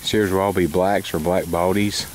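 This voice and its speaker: A man describing cattle for a livestock sale, talking in a steady, matter-of-fact way, recorded outdoors on a camera mic. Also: low voice, normal speed, a little hiss or hum, low-quality recording. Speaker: livestock auction presenter. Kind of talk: plain spoken sale description.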